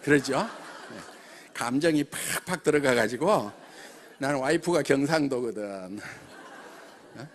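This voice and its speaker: A middle-aged man from the Jeolla region gives a motivational business talk to company members, animated and full of rhetorical questions. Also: mid-range voice, unhurried, long pauses. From Jeolla region, South Korea. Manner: animated, peppers speech with rhetorical questions and laughs. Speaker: company chairman addressing members.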